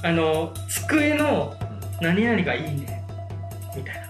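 A young man co-hosting a casual comedy game chat, playful and quick to laugh, fumbling for words as he explains. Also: fairly high pitch, very animated, echoey room, faint music behind. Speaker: podcast co-host.

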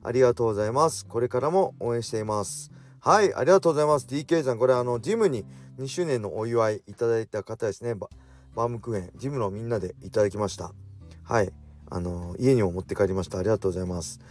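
A man in his forties hosting a casual solo radio talk, drifting faster as he goes and correcting himself mid-phrase. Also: mid-range voice, faint music behind. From Japan. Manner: speeds up as he talks, with self-corrections. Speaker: radio show host.

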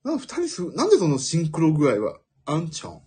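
A man's voice: a little high, wildly swooping pitch, fast talker, a little mellow, slightly rough. A man hosting a casual solo talk show, rambling from one thought to the next and laughing at his own jokes. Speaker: podcast host.

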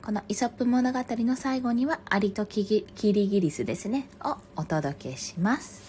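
A woman hosting a morning live stream, speaking softly and very politely and reading picture books aloud. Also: mid-range voice, animated, moderate pace, a little hiss or hum. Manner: soft, very polite, gentle.

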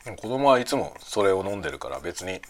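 Low-voiced, animated middle-aged man chatting over lunch. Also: fast. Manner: musing aloud, talking in short trailing phrases over a meal. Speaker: host of a lunchtime chat. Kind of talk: casual chat while eating lunch.

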